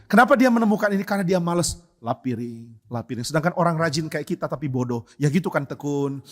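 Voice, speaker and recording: Male pastor, church sermon, conversational and humorous, rhetorical questions, fairly high voice. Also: quick pace.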